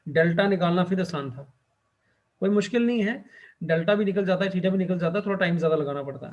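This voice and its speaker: A male teacher lecturing a class, who keeps asking the students questions and fills his pauses with the same short check-in phrase. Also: fairly high pitch, darkish tone, dull audio. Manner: quizzes students and fills pauses with "theek hai".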